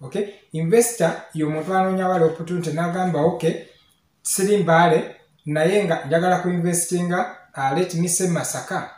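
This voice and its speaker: A man in his thirties with a Ugandan accent, working as a property consultant, gives informal tips and explanations, mixing two languages and often checking in with short questions. His voice is high, steady, fairly quick and a little mellow. He's recorded in a small office with hard walls, so the sound is echoey.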